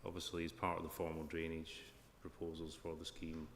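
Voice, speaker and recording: This expert witness, a broad-accented Scottish flood risk and drainage consultant, responds formally to questions at a planning inquiry. His voice rumbles low and stays monotone, a bit bright and slightly quick, with the echo of a hall and clear background noise around him.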